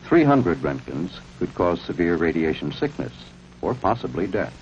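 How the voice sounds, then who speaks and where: An American man narrating a scripted 1950s civil defense film in a measured, authoritative, instructional manner. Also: deep voice, big pitch swings, a little mellow. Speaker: documentary narrator. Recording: muffled, noisy vintage film soundtrack.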